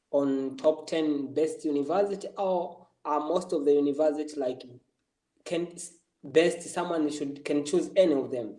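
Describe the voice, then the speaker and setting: A man interviewing someone in a casual chat, halting and repeating phrases as he puts his questions. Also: a little high, dark tone. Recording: roomy echo, far from the mic.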